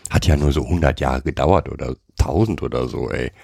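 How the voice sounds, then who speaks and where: A man doing a croaky, slangy little gnome. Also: rumbling low, fairly quick, darkish tone, no echo, clean studio sound, voice pushed down, exaggerated voice. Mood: grumpy, cheeky. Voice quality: croaky, says "ey" constantly. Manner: brash, rude street slang. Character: cheeky little fat male gnome, slangy.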